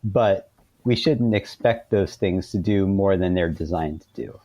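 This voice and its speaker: A man with a low, warm voice speaks as an interview guest, with no echo on the recording. He explains things conversationally but hesitantly, often repeating words and saying "you know."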